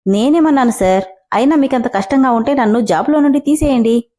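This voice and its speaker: A bold young heroine who talks back to her boss with cheeky, drawn-out mockery, as a woman reading the story plays her. Her voice is soft and mellow but fairly high, and it keeps a teasing bite. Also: lightly acted. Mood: defiant mocking. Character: defiant sharp-tongued young woman employee.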